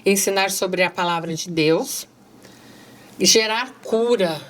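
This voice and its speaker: A woman's voice: medium pitch, slow pace, a bit bright. A middle-aged woman with a Brazilian accent, speaking earnestly as a guest, reading passages aloud and addressing listeners directly.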